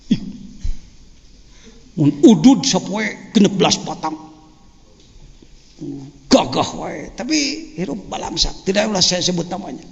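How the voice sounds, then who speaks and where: An older man with a Sundanese accent, teaching a religious lecture in an animated, joking way. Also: very high-pitched. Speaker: Islamic teacher. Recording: dull lo-fi sound with long hall reverb.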